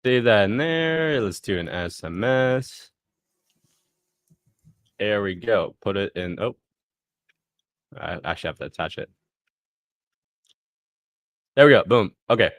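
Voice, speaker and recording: A man casually walking through a software demo on a live screen share, thinking aloud as he clicks and punctuating steps with "boom". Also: lively intonation, slow pace, long pauses, no echo, studio quality.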